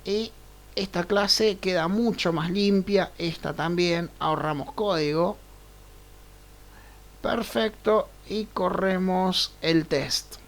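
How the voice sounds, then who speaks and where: A man teaching a programming class online, thinking aloud as he works through code and often checking in with his students. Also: sits high. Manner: unhurried, checks in with frequent "right?" tags. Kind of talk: live online class, thinking aloud over screen share.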